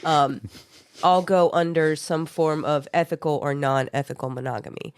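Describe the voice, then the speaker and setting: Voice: mid-range voice, moderate pace, clear, resonant tone, dry recording, clean studio sound. A podcast co-host with a stuffy nose, explaining terms hesitantly in casual discussion. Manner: explanatory, hesitant, many fillers.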